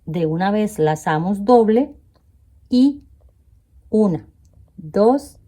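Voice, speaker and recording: A woman's voice: medium pitch, lively intonation, extremely slow, mellow. A woman teaching a crochet tutorial step by step, counting stitches aloud and checking in with viewers. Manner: addresses viewers directly with "¿ven?". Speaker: crochet instructor.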